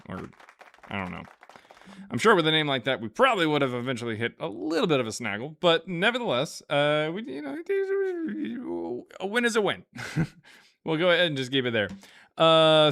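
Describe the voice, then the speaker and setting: A man's voice: a little high, creaky, sharp tone. A man hosting a live stream, chatting casually and arguing bluntly, often laughing. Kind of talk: casual debate chat.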